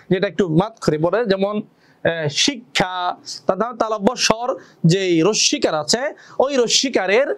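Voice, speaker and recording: A man teaching Quran reading in a patient lesson, explaining step by step, asking and answering his own questions, and drawing out recited words slowly. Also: high-pitched.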